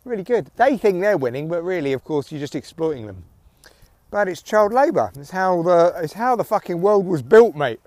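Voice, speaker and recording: A man's voice: high-pitched, big pitch swings, moderate pace, a little mellow, dry recording. A middle-aged British man chatting casually and wryly, with swearing, recorded outdoors on a walk through headphones used as a mic near his neck. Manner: sweary, wry. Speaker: podcast host and comedian. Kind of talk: casual solo chat, rambling audio diary. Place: outdoors, walking in the evening.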